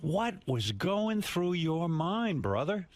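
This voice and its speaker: A man's voice: high voice, very animated, slow, no room sound. A man hosting a radio show, needling and mocking his co-worker in casual studio banter. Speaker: radio host.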